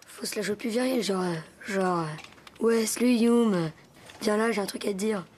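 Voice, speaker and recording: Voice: medium pitch, normal speed, darkish tone, a little hiss or hum, close to an everyday voice. A performer playing a cheeky, pushy teenage schoolboy in a TV series, teasing and egging a friend on. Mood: teasing, coaxing. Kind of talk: live-action TV series acting.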